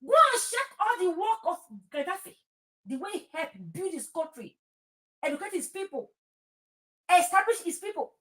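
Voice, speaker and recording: A woman with a Nigerian accent hosts a talk show in a very high-pitched, very animated, slightly bright voice at normal speed. She talks politics informally and with passion, stressing her opinions, repeating phrases and switching into Pidgin.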